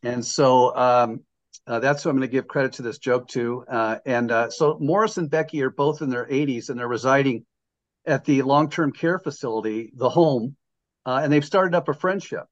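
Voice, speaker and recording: An older man hosts a sports podcast in a loose, jokey, rambling way, restarting his sentences as he goes. His voice sits at a middling pitch, and the recording sounds a little dull and lo-fi. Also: normal speed. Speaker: podcast host. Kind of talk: casual sports podcast chat.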